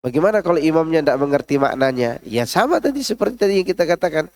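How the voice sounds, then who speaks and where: A man's voice: on the high side, animated, fast talker, darkish tone. A man teaching a Quran study class in a large mosque, explaining with examples, asking the audience rhetorical questions and reciting verses in a melodic tone. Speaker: ustadz giving a Quran tafsir study. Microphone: stood up while speaking.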